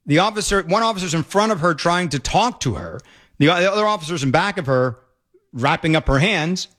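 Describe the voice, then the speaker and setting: A fairly high-voiced man hosts a talk radio show, and his commentary comes out sarcastic and mocking. He gets excitable as he talks over clips, speaking close to a studio broadcast mic. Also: fairly quick.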